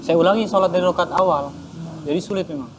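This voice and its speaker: A man telling his personal conversion story in a casual interview, animated and acting out his parents' voices. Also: high voice, fast, noisy background. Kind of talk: casual spoken testimony.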